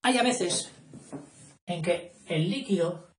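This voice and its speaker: A man's voice: sits high, slow pace, echoey room, a little hiss or hum. A man giving an informal video lesson, explaining in a rambling, conversational way and often checking in with tag questions. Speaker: teacher.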